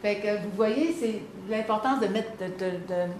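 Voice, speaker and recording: A woman with a Quebec French accent giving an animated, encouraging talk to parents, with frequent fillers. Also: mid-range voice, unhurried. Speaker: presenter on reading to children. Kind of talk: lively instructional talk. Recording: echoey room, faint background hum.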